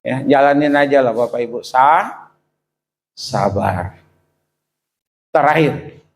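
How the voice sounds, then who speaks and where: A middle-aged man preaching a sermon, addressing the congregation directly with rhetorical questions and swinging between high pleading exclamations and low quiet asides. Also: animated, slow pace, poor audio. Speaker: pastor.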